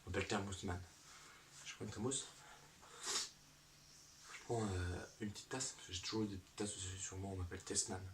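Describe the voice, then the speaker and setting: A man's voice: deep voice, fairly even intonation, moderate pace, long pauses, recorded from a distance, background noise. A man telling an absurd comic story in a rambling way, correcting himself and throwing in sound effects.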